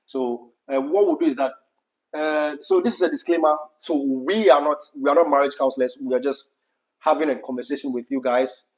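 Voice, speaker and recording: A man with a Ghanaian accent hosting a casual advice chat, speaking in halting, repeated phrases. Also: on the high side, poor audio. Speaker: host answering viewer questions.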